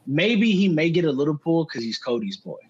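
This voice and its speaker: A man's voice: on the high side, very animated, fairly quick, slightly rough, dull audio. A man co-hosting a podcast, talking wrestling in a casual, slangy way and swearing freely. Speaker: podcast co-host.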